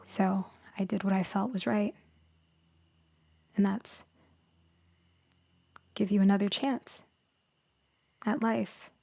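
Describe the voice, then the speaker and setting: A woman plays a gentle female vampire soothing someone she has rescued in an intimate ASMR roleplay. Her voice is soft and breathy, often dropping to a whisper, unhurried and very even in pitch, with a tender, reassuring, explanatory mood and hesitant pauses. The recording has no echo.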